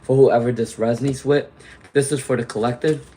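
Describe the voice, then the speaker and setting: A man giving a live collective tarot reading who quietly murmurs repeated prayers to spirit guides and greets viewers in the chat. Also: medium pitch, fairly even intonation, a little fast, a little hiss or hum. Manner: talks directly to viewers in the chat. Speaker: tarot reader hosting a live stream.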